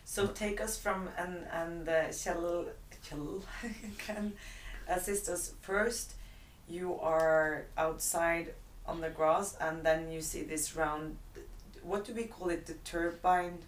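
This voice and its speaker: A woman's voice: on the low side, fairly even intonation, slow, a little hiss or hum. A woman in casual chat, hesitant and searching for her words. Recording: roomy, distant mic.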